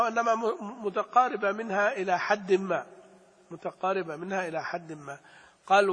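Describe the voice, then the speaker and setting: High husky male tajweed teacher. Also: fairly bright tone, big-room sound. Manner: slow, repeats key phrases, chants verses. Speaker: Quran recitation teacher. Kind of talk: religious lesson on tajweed.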